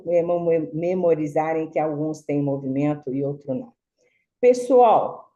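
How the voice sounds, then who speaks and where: A woman's voice: deep voice, dark tone. A woman teaching a sign language class, explaining patiently with many fillers and tag questions. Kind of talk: online lecture.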